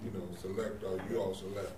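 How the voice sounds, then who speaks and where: A man's voice: low-pitched, level tone, quick pace. A man in an official role explaining things informally at a meeting, folksy and sprinkling in 'you know'. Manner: folksy, uses y'all and frequent 'you know'. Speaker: housing authority official presenting. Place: indoor meeting room. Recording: echoey room, distant mic, clear noise.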